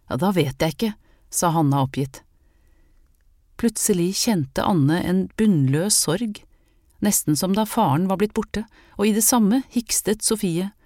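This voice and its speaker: A woman reading a historical novel aloud in calm, measured narration. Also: fairly low pitch, no room sound, studio quality. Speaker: audiobook reader. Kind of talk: scripted narration.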